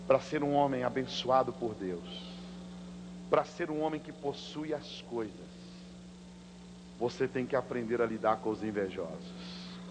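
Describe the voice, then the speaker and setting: A man's voice: medium pitch, a little slow. A Brazilian man preaching a sermon, telling a story with drama and acting out the voices of the people in it. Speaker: pastor. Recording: long hall reverb, faint hum.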